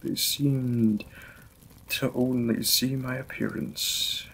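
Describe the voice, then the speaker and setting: A man voices a gentle new husband who is a courteous vampire lord in a Victorian romance audio drama. His mid-range voice keeps a level tone, crisp and bright with creaky fry, and his phrasing is slow, formal, polite and reserved, with a reflective, tender mood. Clear noise can be heard behind the recording.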